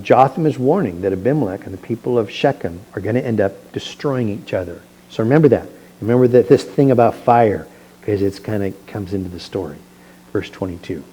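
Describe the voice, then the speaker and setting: Brief: male pastor, church Bible study, mellow voice, casual explanatory asides between readings. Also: mid-range voice, slightly rough, rough recording. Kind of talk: verse-by-verse Bible teaching. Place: church sanctuary.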